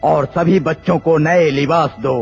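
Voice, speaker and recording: Brief: grave king, slow, very gravelly, faint music behind. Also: fairly high pitch, fairly even intonation, a little mellow, muffled recording, exaggerated voice. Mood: commanding. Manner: solemn, commanding. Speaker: voice actor in a film dub. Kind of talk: dubbed film acting.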